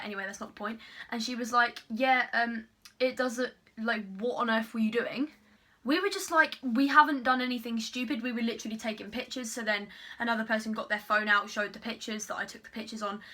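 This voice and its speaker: A teenage girl rattles through a storytime vlog, chatty and rambling, leaning on "like" and "literally" all the time. Her voice sits a bit high and sounds bright and sharp. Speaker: vlogger.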